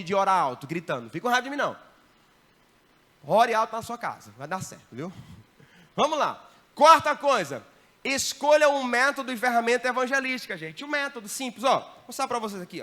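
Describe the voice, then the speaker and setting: A man, a missionary giving a lively church training talk and often checking in with the audience. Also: extremely high pitch. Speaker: missionary teaching evangelism. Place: church hall.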